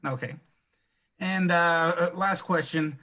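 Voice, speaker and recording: A man's voice: fairly high pitch, slow, bright, forceful tone. A man asking questions at a press briefing, hesitant with many fillers.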